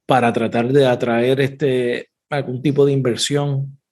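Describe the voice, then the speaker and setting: Male podcast host, mid-pitched, halting questioner with frequent restarts. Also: flat delivery, a little mellow. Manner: halting, restarts phrases often. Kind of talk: interview questions.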